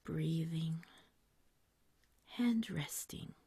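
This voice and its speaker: Breathy, whispery woman guiding slow meditation like sleep narration. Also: sits low, no echo. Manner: soothing, gentle, unhurried with long pauses. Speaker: meditation guide.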